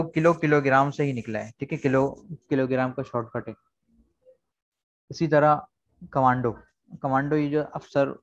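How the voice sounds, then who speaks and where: A man's voice: mid-range voice, lo-fi sound. A man teaching an online English lesson, explaining words patiently and repeating key points. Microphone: video call.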